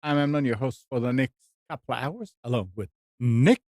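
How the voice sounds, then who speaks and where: A man's voice: medium pitch, expressive, moderate pace, darkish tone, no echo, studio quality. A man hosting a radio show, making announcements and introducing people. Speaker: host of a computer radio show.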